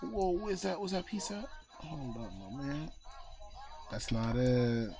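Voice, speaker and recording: A young man narrating a tabletop game as game master, lively and slangy with some swearing. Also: fairly high pitch, slow pace, music in the background.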